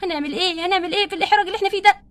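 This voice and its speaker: A woman's voice: very high voice, fairly even intonation, very fast, fairly bright tone. A woman with an Egyptian accent voicing a carefree, demanding wife doll in a play. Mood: breezy. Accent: Egyptian Arabic.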